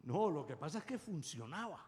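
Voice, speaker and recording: A man preaches in an animated style, his voice sitting high and leaping up and down. He keeps pressing the congregation with quick rhetorical questions. The sound carries a long reverb from the church hall. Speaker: pastor. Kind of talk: sermon.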